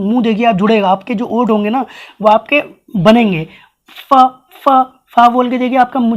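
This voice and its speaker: A male teacher giving a grammar lesson, sounding out each letter slowly and repeatedly and asking his students questions. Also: extremely high pitch, lo-fi sound. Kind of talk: blackboard-style grammar lesson.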